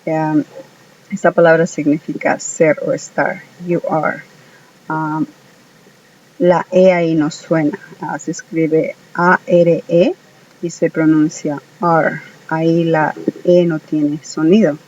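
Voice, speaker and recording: A speaker giving a home-made English lesson, hesitant, with many filler sounds and slow, careful repetition of words. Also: mid-range voice, little pitch movement, darkish tone, distant mic, dull audio, a little hiss or hum. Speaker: English teacher.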